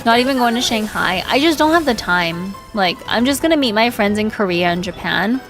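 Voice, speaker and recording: A woman livestreamer from China talks casually while gaming. She is candid and slangy, drops swear words freely, and speaks at a middle pitch over faint music. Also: lively intonation, a little fast. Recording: music playing behind voice.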